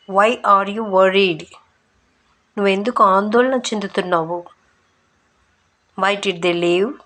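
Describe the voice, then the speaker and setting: Slow, deliberate woman reading drills. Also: mid-range voice, a bit bright. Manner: reads each English sentence very slowly, then the Telugu translation at normal speed. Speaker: language teacher.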